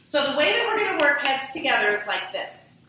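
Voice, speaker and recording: Woman teacher, bright clear voice, patient questioning, echoey classroom recorded from afar. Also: sits high, big pitch swings, brisk, far from the mic, a little hiss or hum. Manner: patient, asks the class questions and prompts answers. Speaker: elementary school teacher. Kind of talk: classroom instruction. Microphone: distant room mic.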